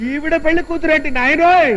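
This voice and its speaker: A man's voice: very high-pitched, fairly even intonation, fast, a bit bright, highs cut off, faint music behind. A man playing a priest in a film comedy, wailing and lamenting theatrically. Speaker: priest performing the wedding.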